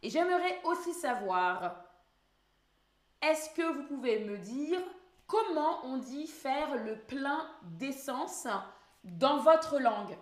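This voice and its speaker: Slow, patient French teacher woman. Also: high-pitched, very animated, reverberant. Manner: slow, patient, repeats words for learners. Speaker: French teacher hosting a live stream. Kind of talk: live online language lesson.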